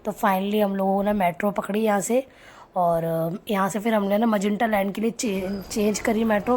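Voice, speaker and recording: A woman's voice: medium pitch, darkish tone, slight background noise. A young woman from Agra, India, narrating her day in a chatty casual vlog and talking straight to her viewers. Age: young adult. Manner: chatty, addresses viewers directly. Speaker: vlogger.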